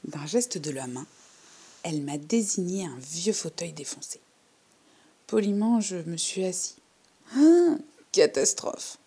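A woman voicing a shy, overly polite little girl who tells her own story in a hushed, timid way. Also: fairly low pitch, animated, measured pace, pauses often, husky, heavily acted. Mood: earnest. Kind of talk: storybook reading.

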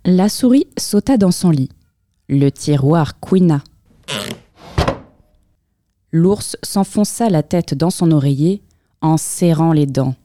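Low, mellow woman reading a storybook. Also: slow pace, pauses often. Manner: expressive, lively storytelling. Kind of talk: reading a children's picture book aloud.

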